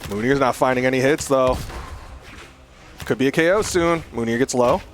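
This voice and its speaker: A man's voice: mid-range voice, normal speed, slight background noise. A man working as an esports caster, giving play-by-play commentary on a fighting game in short bursts.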